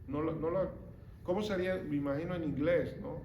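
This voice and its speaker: A man teaching a Bible study lesson, explaining slowly and stopping often to ask rhetorical questions. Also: fairly high pitch, fairly even intonation, warm tone, reverberant, a little hiss or hum.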